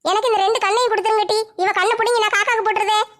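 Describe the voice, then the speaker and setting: A woman's voice: very high voice, steady tone, rapid-fire, a bit bright. Woman doing a menacing village brawler. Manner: threatening, taunting, vicious relish. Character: fierce village woman gloating over a rival. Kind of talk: one-woman comic skit.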